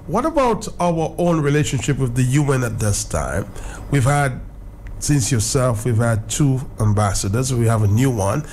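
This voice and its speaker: A man hosts a radio talk show and puts direct questions to his guest. His voice sits at a middle pitch, with a faint hiss behind him in the studio. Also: expressive, moderate pace, darkish tone.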